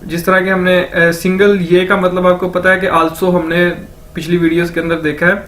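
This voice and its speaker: A man teaching a vocabulary lesson, asking a question and then answering it himself, repeating each word slowly several times. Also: high voice, flat delivery, a bit bright. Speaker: language teacher.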